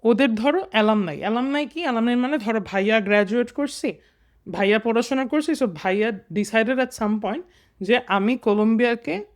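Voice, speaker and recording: A man's voice: extremely high pitch, normal speed. Young Bangladeshi man tutoring patiently. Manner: patient, reads line by line and mixes English into explanations. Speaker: English tutor. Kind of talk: casual exam lesson.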